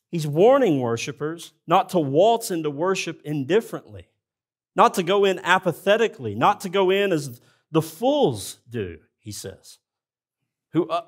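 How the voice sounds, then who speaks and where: Man, pastor, sermon, earnest, talks straight to the congregation, fairly high voice. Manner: earnest, addresses the congregation directly. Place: church sanctuary.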